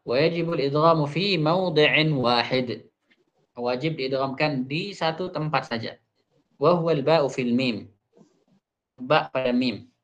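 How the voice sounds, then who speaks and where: A man teaching Quran recitation rules, explaining an Arabic text step by step, repeating each example slowly. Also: fairly high pitch. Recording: dull muffled online audio.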